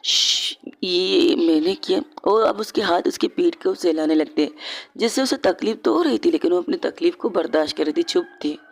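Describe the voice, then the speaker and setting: A woman's voice: on the low side, expressive, brisk, darkish tone. A woman narrating a romantic audio story in a conversational way, often repeating phrases and correcting herself.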